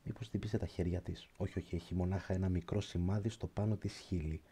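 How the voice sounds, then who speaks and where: A man reading a literary prose audiobook in a slow, measured, reflective way. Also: low-pitched, steady tone, mellow, slightly rough. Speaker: audiobook narrator.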